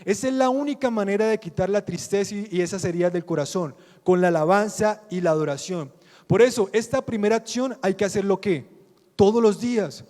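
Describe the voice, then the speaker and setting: A man with a Colombian Spanish accent preaches in a high, ringing voice. He keeps asking his listeners questions and then answers them himself. His words carry a long reverb, as in a large church hall. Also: a little fast, darkish tone. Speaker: pastor. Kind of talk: sermon.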